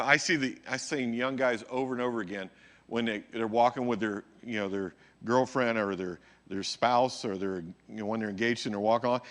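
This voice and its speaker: A man preaching in a church in a relaxed, conversational way. He often pauses to ask the room if they are following him. His voice sits at a middle pitch. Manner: conversational, checks in with the audience. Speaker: pastor. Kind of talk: sermon.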